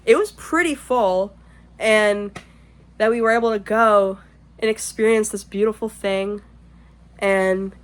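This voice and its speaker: An excitable woman talks at home in a casual vlog, rambling from one thought to the next and swearing freely. Her voice sits at an ordinary middle pitch. At times she drops to a shaky whisper. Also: slow, long pauses. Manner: whispering to keep quiet. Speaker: vlogger. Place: home, indoors.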